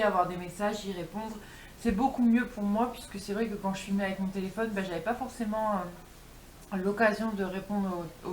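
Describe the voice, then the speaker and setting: A young woman speaks as a vlogger in an informal, chatty way, addressing her viewers directly. Her medium-pitched voice sits in a roomy, echoing home recording with faint noise behind it. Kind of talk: casual chat to camera. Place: indoors at home.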